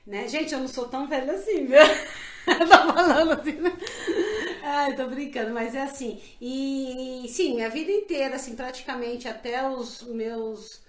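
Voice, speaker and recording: A middle-aged woman from Brazil with a high voice answers interview questions earnestly and reflectively. She often restarts her sentences and leans on fillers. The recording carries a noticeable room echo. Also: unhurried, a bit bright. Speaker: interviewee, council pre-candidate. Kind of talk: casual interview. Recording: echoey room.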